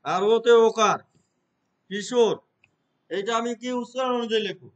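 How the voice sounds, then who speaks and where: A man's voice: high voice, normal speed, fairly bright tone, highs cut off. A man teaching a computer lesson, explaining step by step and checking his students' understanding with frequent short questions. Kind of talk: classroom lesson.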